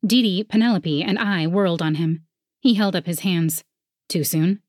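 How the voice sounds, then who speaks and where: A woman's voice: lowish voice, normal speed, a little mellow, no echo. Woman narrating a storybook, dry sound. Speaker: audiobook narrator. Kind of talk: first-person story narration.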